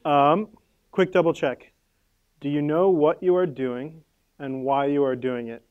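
A man's voice: fairly high pitch, fairly even intonation, unhurried, smooth, phone-quality sound. A man leading a conference workshop in a casual, upbeat way, full of "like" fillers as he gives the audience instructions. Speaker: workshop leader.

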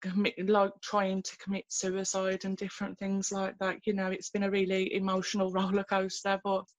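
Earnest woman, flat even voice. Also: medium pitch, no echo. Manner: earnest and halting, many fillers and restarts. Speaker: guest sharing her faith story. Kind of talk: personal testimony in a video call. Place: small room at home, indoors. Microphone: laptop webcam on a video call.

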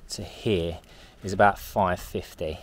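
A young man casually explains the work on his self-build while on an outdoor building site, speaking practically and on the go. His voice sits low with a steady tone and a slightly slow pace. He's recorded on a handheld action camera.

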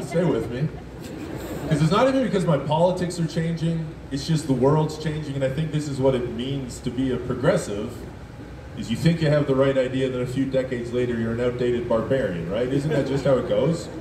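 This is a man in his thirties from Alberta, Canada, with a deep voice, teasing the crowd during a deadpan, self-mocking stand-up set at a moderate pace. He is on an outdoor festival stage in a city park at night, heard through PA speakers recorded by a phone in the audience, with echoey, far-off amplified sound and a noisy background of laughter and cheers.

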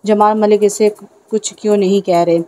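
A woman narrating an audio novel in a steady, even storytelling manner. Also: mid-range voice, moderate pace, slight background noise.

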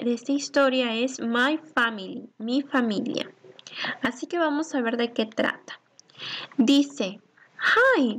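A woman teaching children in a recorded English lesson, with a slightly high voice and an unhurried pace. She reads each English line and then translates it, and patiently asks questions that she answers herself. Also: breathy edge.

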